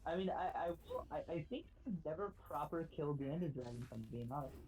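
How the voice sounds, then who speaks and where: A man's voice: on the high side, lively intonation, fast talker, darkish tone, low-quality recording. Laid-back rambling man on a stream. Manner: rambling, filler-heavy, laid-back talk. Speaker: guest co-player on a stream. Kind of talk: casual gaming stream chat.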